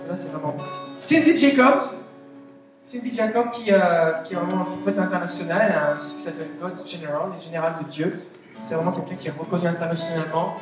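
A woman with a Québécois French accent preaching a chatty, animated sermon, asking the audience questions. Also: medium pitch. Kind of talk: conversational sermon. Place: church meeting hall. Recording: very echoey hall, voice from a distance. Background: soft guitar music.

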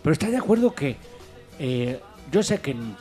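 Hombre, acento mexicano, coconductor, bromista, coloquial, música clara de fondo. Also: male voice, on the high side, very animated, normal speed, dark tone, soft background music. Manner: agreeing, joking, slangy. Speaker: podcast co-host. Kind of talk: casual chat.

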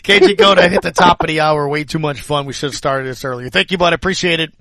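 A man's voice: on the high side, quick pace, bright, forceful tone, no echo. A male sports radio host in casual talk, chatty and teasing, laughing often.

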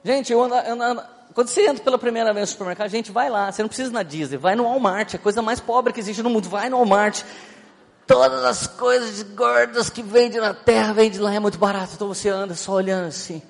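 A man's voice: high voice, fast, vocal fry. A man with a Brazilian Portuguese accent preaching a humorous sermon as a pastor, chatty and joking, often acting out little scenes as he tells stories. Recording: hall reverb, faint background music.

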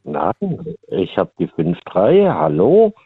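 Male caller heard over the phone, low and gravelly, unhurried, halting. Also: huge pitch swings, no echo. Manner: halting, many fillers. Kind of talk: call-in chat. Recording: tinny phone line.

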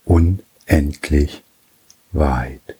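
A man guiding a relaxation journey in a soft, soothing way, with long pauses between phrases. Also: very deep voice, slightly rough. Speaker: meditation guide.

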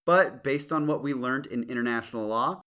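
Male podcast co-host, mid-pitched, easygoing and quick to joke. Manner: relaxed, joking, laughs often. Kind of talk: casual legal podcast chat.

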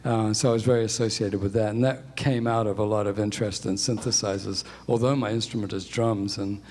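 Heard in a large hall, a fairly low, darkish voice holds a steady tone at a fairly quick pace. He's a music industry executive in his sixties, born in England and raised in New Zealand, chatting self-deprecatingly about his career as a guest in a conversational interview.

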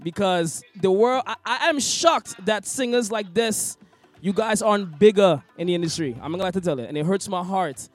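A male DJ hosts this interview over a video call with a notably high voice. He gushes, leans on emphasis and repeats himself as he praises his guests. Soft music plays faintly underneath. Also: normal speed. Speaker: DJ and interview host. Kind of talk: casual interview chat.

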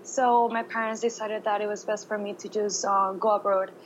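A woman's voice: medium pitch, level tone, normal speed, muffled recording, a little hiss or hum. A woman, earnestly answering interview questions. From Venezuela. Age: 20s. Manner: earnest, unscripted account.

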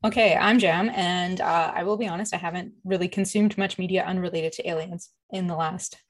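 A woman co-hosting a casual podcast, talking in a wry, animated way about what she watches. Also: fairly low pitch, fairly quick. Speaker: podcast co-host. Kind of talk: casual book-club chat.

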